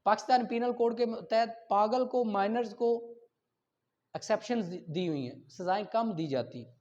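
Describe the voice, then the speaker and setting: In a dull, lo-fi recording, a Pakistani law lecturer reads statutes aloud to his class and explains them in a didactic way, frequently making sure students understand. His voice sits high and is a little mellow, he moves at a moderate pace, and he alternates between Urdu and English.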